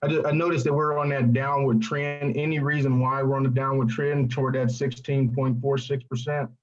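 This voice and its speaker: A man's voice: mid-range voice, little pitch movement, fairly quick. A man asking a question at a meeting in an informal, tentative way. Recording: slightly dull audio.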